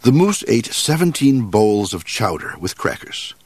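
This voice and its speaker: A man reading a children's storybook aloud in a measured, expressive way. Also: on the low side, breathy edge, no room sound.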